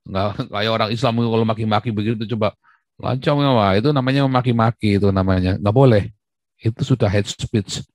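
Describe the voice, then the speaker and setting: A man's voice: lowish voice, steady tone, a little fast, darkish tone, dry recording. A man hosting a live video-call discussion, emphatic and lecturing, often repeating himself. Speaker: livestream host.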